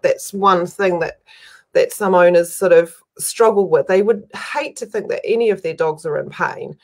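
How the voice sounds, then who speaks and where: A woman's voice: on the low side, moderate pace. A woman hosts a friendly, chatty interview over a video call, with plenty of fillers. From New Zealand. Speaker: host. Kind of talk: casual interview chat. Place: indoor room at home.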